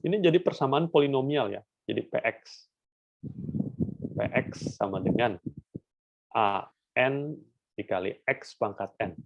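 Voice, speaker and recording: A man's voice: fairly low pitch, creaky, no room sound, lo-fi sound. A male lecturer explaining number systems to students in a casual, repetitive way, with frequent chuckles. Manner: informal, repeats points, chuckles often. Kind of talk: recorded university lecture.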